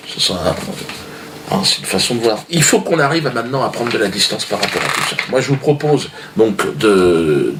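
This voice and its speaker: A man delivering a rambling, deadpan comedic monologue to viewers in a halting way. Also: lowish voice. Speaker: comedian presenting his own video. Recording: steady background noise, clicks.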